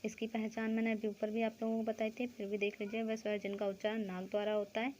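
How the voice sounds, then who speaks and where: A woman's voice: a little high, monotone, fast talker, a little mellow, a little hiss or hum. A woman teaching a school grammar lesson, explaining step by step, asking questions and answering them herself, checking in often with the class.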